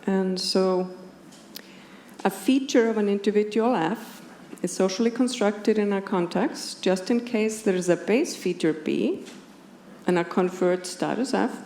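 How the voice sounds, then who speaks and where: An Icelandic woman, native in Icelandic and speaking with an Icelandic accent, is an academic philosopher giving a partly scripted lecture to an audience in an indoor conference room. Her mid-range voice has a darkish tone, and her delivery is measured and precise. The roomy hall carries clearly audible background noise.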